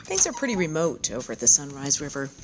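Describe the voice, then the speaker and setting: A woman narrating her own outdoor journal in a calm, descriptive, reflective first-person way. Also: low-pitched, fast, background noise.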